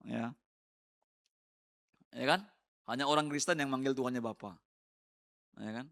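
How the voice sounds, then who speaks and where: A male pastor giving a sermon in a casual, conversational way. He often checks in with the congregation through tag questions and sometimes turns teasing, with laughter and high mocking exclamations. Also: a little slow, gravelly, fairly bright tone.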